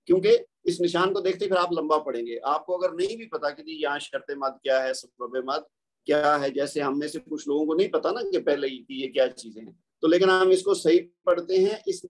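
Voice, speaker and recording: Patient man teaching recitation rules. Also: on the high side. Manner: patient, explanatory, asks and answers his own questions. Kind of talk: tajweed lesson.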